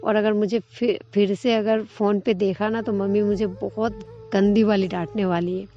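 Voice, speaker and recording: A woman voicing a bashful but sharp-tongued young female student who answers with mock-indignant retorts. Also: mid-range voice, little pitch movement, moderate pace, natural voice. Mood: hurried. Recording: lo-fi with faint background music.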